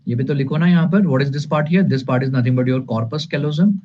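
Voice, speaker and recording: A man's voice: medium pitch, rapid-fire. A man with an Indian accent lecturing to an online class, emphatic and repetitive, switching between English and Hindi. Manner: emphatic and repetitive, addressing students as sir and guys. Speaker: anatomy lecturer. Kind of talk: live online exam-prep lecture. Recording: dull lo-fi audio with light noise.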